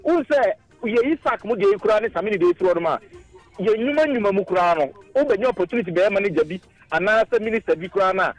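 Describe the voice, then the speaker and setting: A man's voice: high-pitched, animated, fast talker, dry recording, soft background music. A man with a Ghanaian accent giving his opinion as a caller on a radio show, switching between languages as he argues. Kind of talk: opinionated call-in argument, mixing languages.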